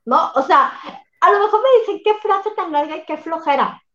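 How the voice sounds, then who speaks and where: A high-pitched woman talks reflectively and with emphasis, often affirming what she hears. Her voice carries a roomy echo, and the recording sounds somewhat dull and lo-fi. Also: animated, normal speed, a bit bright. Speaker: workshop facilitator and coach. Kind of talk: casual conversation.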